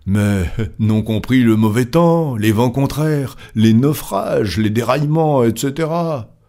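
A man voicing an excitable gentleman card player who exclaims his doubts with agitation. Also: on the low side, a little slow, breathy edge, full character voice. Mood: agitated.

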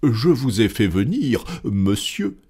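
A man voicing a phlegmatic English gentleman in a read-aloud storybook, speaking with formal, unruffled calm. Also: fairly low pitch, takes it slowly, slightly rough, voice pushed up, exaggerated voice. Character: imperturbably calm English gentleman, male, middle-aged.

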